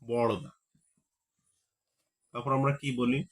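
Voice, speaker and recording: A man's voice: mid-range voice, flat delivery, takes it slowly. Man teaching a grammar class. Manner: repeats terms, asks rhetorical questions. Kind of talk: Bengali grammar lesson.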